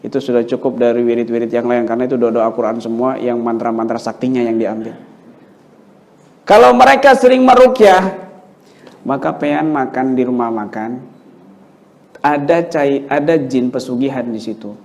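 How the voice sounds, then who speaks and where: A man's voice: medium pitch, fairly even intonation, brisk, dark tone. A man, an Islamic cleric answering questions in a casual lecture full of rhetorical questions. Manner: colloquial, rhetorical questions, emphatic repetition. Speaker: Islamic cleric teaching ruqyah. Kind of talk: religious Q&A lecture.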